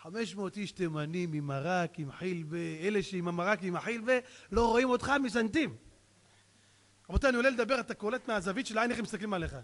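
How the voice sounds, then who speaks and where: A man, a rabbi, giving a humorous sermon full of acted-out dialogues, now and then breaking into loud shouts. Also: high voice. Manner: jokey storyteller acting out dialogues, bursts into shouting. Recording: long hall reverb.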